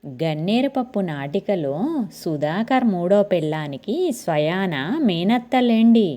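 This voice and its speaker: A woman voicing a quick-tempered, jealous young wife who talks in a snappy, raised voice. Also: lowish voice, expressive, warm tone. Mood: sharp.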